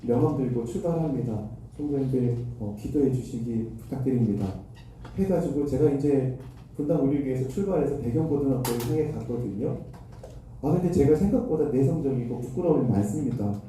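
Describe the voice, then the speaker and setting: A man's voice: mid-range voice, brisk, warm tone, slight background noise. A man who is a pastor, telling a self-deprecating story in his sermon. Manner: self-deprecating anecdotal storytelling with acted quotes. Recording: echoey hall, mic far off.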